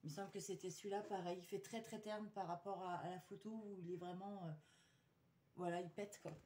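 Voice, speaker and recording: A woman's voice: fairly low pitch, steady tone, fairly quick, dark tone. Chatty woman with faint noise. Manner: chatty, hesitant, many fillers and restarts. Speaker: vlogger showing a paper haul. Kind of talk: casual chat to viewers.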